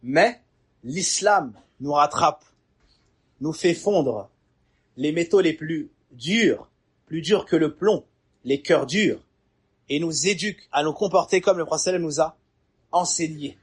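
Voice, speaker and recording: Husky animated male preacher. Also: on the high side, slow pace, pauses often. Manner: animated, acts out little scenes, asks the crowd questions. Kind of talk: lively sermon to an audience.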